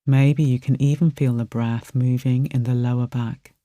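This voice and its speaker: A warm, mellow voice of medium pitch guides a meditation at a moderate pace with fairly even intonation. Gentle and soothing, it lets soft phrases settle, and the sound is close and dry with no room echo.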